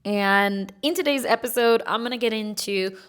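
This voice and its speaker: A woman from Egypt, raised in Kuwait, hosting her own podcast in a chatty, quick, emphatic way. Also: on the high side, clean tone. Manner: chatty, fast-talking with lively emphasis. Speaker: podcast host. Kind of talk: solo podcast talk.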